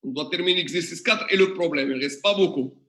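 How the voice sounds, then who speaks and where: A man's voice: fairly high pitch, fast, bright, forceful tone. Male teacher, echoey classroom. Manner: questioning the class, working through examples step by step. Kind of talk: classroom tutorial lesson.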